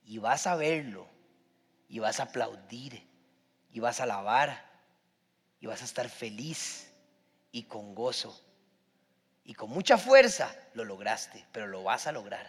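A man with a Costa Rican accent preaching a sermon as a pastor, emphatic, with sudden swings in loudness. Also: mid-range voice, sing-song, a little slow, pauses often, breathy edge. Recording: long reverb in a large hall.

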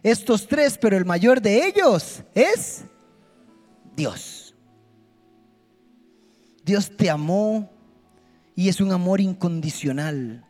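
Male preacher, emphatic sermon, unhurried delivery, echoing hall. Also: high voice, big pitch swings. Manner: impassioned, emphatic, swings between soft and loud. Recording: long hall reverb with faint music.

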